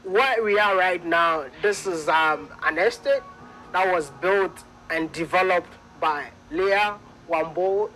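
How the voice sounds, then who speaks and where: Upbeat Ghanaian man interviewing, bright voice. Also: high voice, takes it slowly, soft background music, low-quality recording. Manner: upbeat, eager, talks up his guest. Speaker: interviewer, vlogger. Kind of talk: on-location interview.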